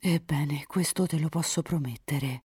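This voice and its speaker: A woman reading aloud, voicing a proud, sincere young count who speaks earnestly and sometimes in a hush. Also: low voice, unhurried, breathy edge, no echo, studio quality, exaggerated voice. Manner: earnest, sometimes hushed to a whisper.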